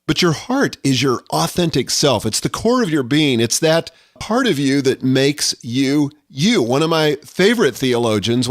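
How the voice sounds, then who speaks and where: A man's voice: mid-range voice, no echo. Earnest middle-aged man, dry podcast voice. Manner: earnest, reflective, quotes scripture. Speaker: podcast host. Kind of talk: solo podcast monologue on leadership.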